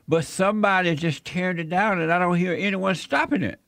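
A man hosting a casual talk show, asking slow, drawn-out questions between jokes. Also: high voice, vocal fry, fairly bright tone, dry recording, clean studio sound. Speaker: host.

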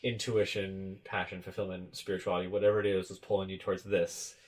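A man's voice: deep voice, little pitch movement, fast, poor audio. A young man hosting a casual conversation, asking questions and telling wry, rambling anecdotes with jokey asides. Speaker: podcast host asking questions.

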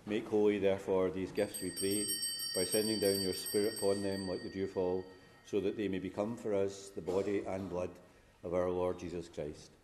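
A man's voice: low voice, little pitch movement, normal speed. A man speaking as a priest, reciting the prayers of a funeral Mass in a solemn, formal manner in a church.

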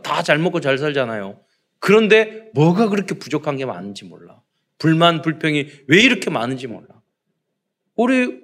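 A South Korean pastor preaches to his congregation in a fairly bright, higher-pitched voice. He poses rhetorical questions and acts out parents and children.

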